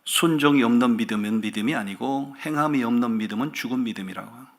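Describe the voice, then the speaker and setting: A male pastor preaching a sermon in a lively way, often asking the congregation questions. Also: mid-range voice, fast. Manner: animated, asks the congregation rhetorical questions.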